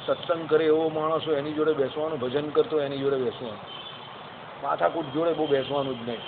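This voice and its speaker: A man giving a conversational devotional sermon, often asking his listeners "right?". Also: a little high. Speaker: religious discourse speaker. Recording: tinny phone-like audio, noisy.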